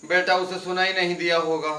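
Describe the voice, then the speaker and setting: A gentle old blind father, heartbroken and pleading, as a man acts him out. He speaks poetically in a fairly high voice in a melodramatic audio drama. The voice has a roomy echo over soft music. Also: level tone, brisk. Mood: pleading gently. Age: older. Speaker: voice actor.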